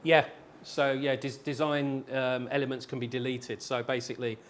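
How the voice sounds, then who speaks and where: A man's voice: medium pitch, little pitch movement, moderate pace, a little hiss or hum. A car salesman explaining details in a friendly, slightly stammering casual chat at a dealership.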